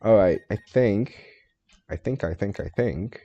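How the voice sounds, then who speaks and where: A man with a lowish, warm voice speaks somewhat slowly while streaming a game live, and the audio sounds dull. He thinks out loud, replies to chat, and makes casual jokes at his own expense.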